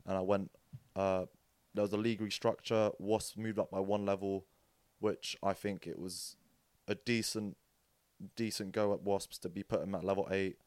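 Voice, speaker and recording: A young man, a podcast guest telling rugby stories in a casual, animated way. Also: sits low, moderate pace, clear, resonant tone, dry recording. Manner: animated storyteller, acts out quotes with jokes and laughs. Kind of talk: casual storytelling chat.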